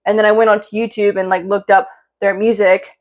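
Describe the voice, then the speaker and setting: A woman's voice: medium pitch, flat delivery, brisk. A young woman vlogger telling a heartfelt personal story in a rambling way, full of fillers and restarts, and emotional close to tears.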